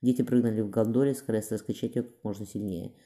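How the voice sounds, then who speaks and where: A male audiobook narrator reading a historical novel at a quick clip. His voice is dark and low in tone. He corrects small slips as he goes. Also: steady tone.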